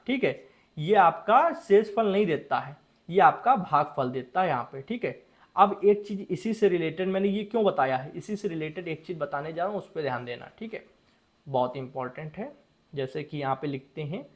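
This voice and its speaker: A young man explains programming basics in a relaxed classroom manner. His voice sits high for a man. He keeps checking whether his students are following. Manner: chatty, repeats "ठीक है" and checks understanding. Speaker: programming teacher.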